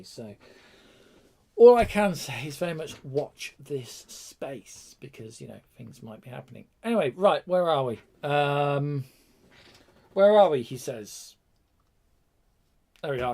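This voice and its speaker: A man's voice: medium pitch, lively intonation, normal speed, a little mellow, slightly rough. A man with a British accent hosting a casual tech live stream, chatty and rambling, often breaking off with fillers and restarts.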